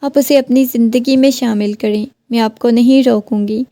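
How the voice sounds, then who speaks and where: A woman's voice: on the high side, fairly even intonation, mellow, no echo, lightly acted. A woman voicing a heartbroken young wife who keeps pleading with her husband. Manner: pleading, questioning.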